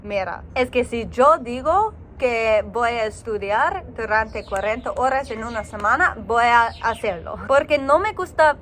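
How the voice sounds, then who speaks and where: A woman with an American accent talks to the camera at a slow, careful pace, her voice a touch high. She sounds tired, hunts for words and laughs at her own mistakes. A faint hiss of room noise sits under her voice. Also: animated, fairly bright tone. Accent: American English. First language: English. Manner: slow, searching for words, self-correcting, laughs often. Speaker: vlogger learning Spanish. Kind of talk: casual video diary.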